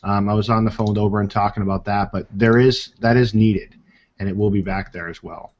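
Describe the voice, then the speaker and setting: A man's voice: lowish voice, steady tone, a little fast, a little mellow. A man on a video call casually answering members' questions as a co-presenter, in an informal, conversational way. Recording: muffled, lo-fi video call audio.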